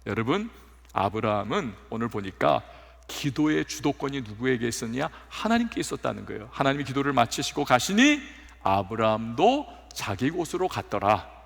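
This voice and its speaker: A male pastor preaching a sermon in a church, telling stories with lively acted-out quotes. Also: mid-range voice, normal speed, creaky. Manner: animated storytelling with acted quotes. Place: church sanctuary. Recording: long hall reverb.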